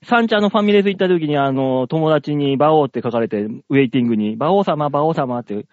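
A man in his forties, a podcast co-host, joking with friends in gruff, playful bluster over a remote call mic. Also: a little high, fast, muffled recording, background noise. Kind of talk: casual banter.

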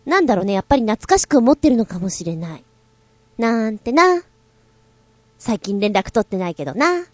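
A woman's voice: medium pitch, big pitch swings, quick pace, no echo. A woman hosting a show and coaching drama, chatting playfully with light self-mocking asides. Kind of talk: casual chat.

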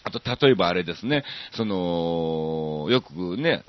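A man from Osaka with a Kansai accent hosting a radio show, chatting casually and reading listener mail with lots of drawn-out fillers. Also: low-pitched, expressive, muffled recording. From Osaka, Japan.

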